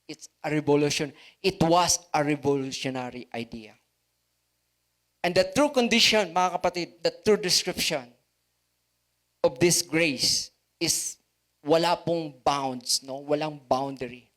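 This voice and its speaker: A man's voice: fairly high pitch, slow, fairly bright tone. A man with a Filipino accent preaching a sermon as pastor, asking rhetorical questions and leaning on words for emphasis.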